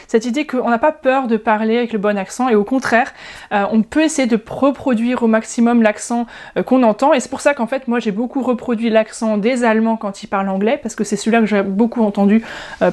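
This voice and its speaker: A woman from France in her thirties, talking casually to camera in a vlog with frequent pauses and restarts. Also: fairly high pitch, a little mellow. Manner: chatty, many hesitations and restarts. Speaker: language-learning YouTuber.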